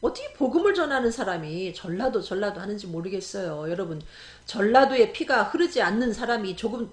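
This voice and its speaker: Emphatic woman preacher in an echoey room. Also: mid-range voice. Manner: emphatic, keeps asking the congregation. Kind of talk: sermon.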